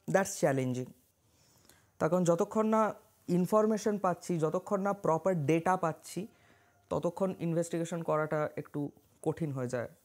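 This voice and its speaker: Guy from west bengal telling a ghost story, slow dramatic monologue, drops english words in. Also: on the high side, a little mellow. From West Bengal, India. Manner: dramatic, measured delivery mixing English words. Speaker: paranormal investigator and astrologer.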